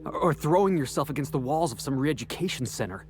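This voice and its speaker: Casting: man as sarcastic young rebel crewman for video game, higher voice, swinging intonation. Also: quick pace, faint music behind, close to an everyday voice. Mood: hurt, sarcastic. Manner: sarcastic, animated.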